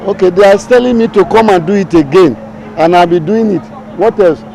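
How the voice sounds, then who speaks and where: A man in a street interview, hurried and exasperated. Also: sits high, mellow, rough recording. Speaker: interviewed passer-by.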